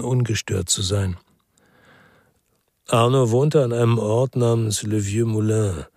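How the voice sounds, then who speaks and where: A man voices a brooding ex-police detective narrating a crime radio drama, his delivery sober, terse and reflective with a husky edge. His medium-pitched, dark-toned voice sounds natural, recorded at studio quality with no echo.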